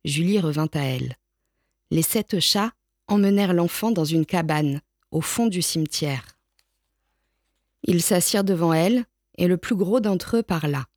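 A woman reads a storybook aloud in a calm, measured, unhurried manner. Her voice sits on the lower side, and the recording is close and dry with no room sound. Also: dry recording. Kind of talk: storybook reading.

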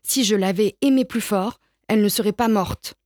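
A woman's voice: mid-range voice, normal speed, darkish tone, no echo, studio quality, natural voice. A woman voicing a grieving little girl in a storybook, with a raised, pleading voice. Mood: upset.

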